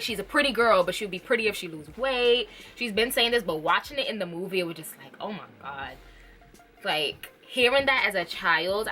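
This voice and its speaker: A young woman chatting casually in a video review, animated and talkative, with sudden squeals and laughs. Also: lowish voice. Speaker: vlogger reviewing a TV movie. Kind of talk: casual chat.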